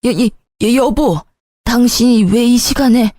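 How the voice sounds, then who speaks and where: A woman's voice: mid-range voice, normal speed, a little mellow, dry recording, natural voice. A woman voicing a vain, bad-tempered older mother-in-law who scolds and makes demands, in an acted story. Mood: flustered. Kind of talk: storytelling voice acting.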